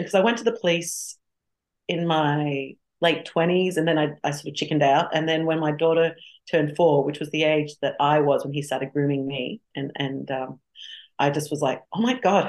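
A middle-aged Australian woman with a low-pitched voice talks frankly and reflectively as a guest in a candid interview, laughing easily. The recording is rough.

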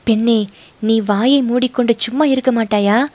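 A woman voicing a calm young prince in disguise, speaking in a measured, restrained way. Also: fairly high pitch, no echo, lightly acted.

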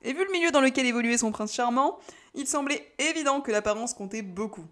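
A woman reads a novel aloud in a calm, measured way. Her narration is steady and quiet, and she takes the story at an even, unhurried pace. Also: a little high. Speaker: audiobook narrator. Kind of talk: scripted narration.

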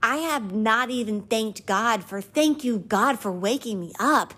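A woman in her twenties, hosting a podcast, talks through her feelings about gratitude and faith in an earnest, confessional monologue, giving her doubts a mocking lilt. Her pitch is fairly high, her delivery animated and unhurried, and her tone pushed, bright, and slightly rough.

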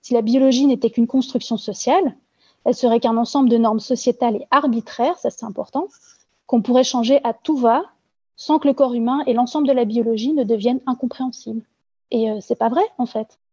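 A woman's voice: fairly high pitch, warm tone, husky, no echo, lo-fi sound. A woman testifying anonymously in an interview, talking earnestly with frequent hesitations and fillers. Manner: hesitant, many fillers and restarts.

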